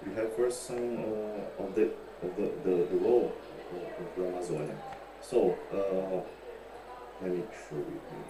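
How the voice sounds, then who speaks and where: A man from Brazil, giving a halting presentation over a remote call whose line echoes back with feedback. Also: low voice, over music. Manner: hesitant, many restarts and repeated words. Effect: echoey remote call line with audio feedback. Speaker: remote presenter at an online panel. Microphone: video call. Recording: distant echoey call audio with noise.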